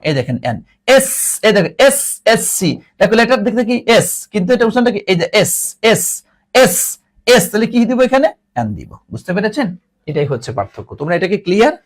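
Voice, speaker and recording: A man's voice: high voice, big pitch swings, fast talker. A man teaching an English grammar lesson to students, mixing English and Bengali with a Bangladeshi Bengali accent and teasing the class.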